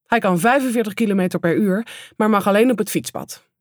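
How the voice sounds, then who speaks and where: Woman audiobook reader, mid-range voice, plain measured delivery, dry close recording. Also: mid-range voice, a little mellow, no echo. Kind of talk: audiobook narration.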